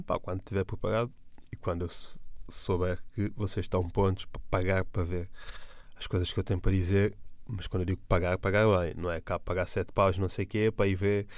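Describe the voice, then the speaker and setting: A comedian with a European Portuguese accent spins a loose, slangy anecdote, circling back and restarting his sentences. His voice sits fairly low and sounds close and dry, with almost no room around it. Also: no room sound. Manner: rambling and slangy, with many restarts and fillers. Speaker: stand-up comedian. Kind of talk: casual storytelling monologue.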